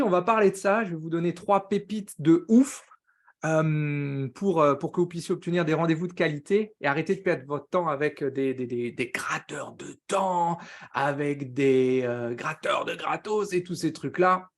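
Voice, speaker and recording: Upbeat fast-talking coach, a man. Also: fairly high pitch. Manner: says he talks very fast; upbeat, greets viewers by name, drops English words. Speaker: business coach hosting a live stream. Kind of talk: energetic live-stream talk.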